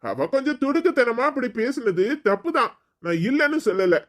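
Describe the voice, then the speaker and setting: A proud, hot-tempered husband in a cartoon story, played by a man. His voice sits high for a man, and he scolds and threatens his in-law with angry force. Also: big pitch swings, normal speed, fairly bright tone, full character voice. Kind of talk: cartoon voice acting.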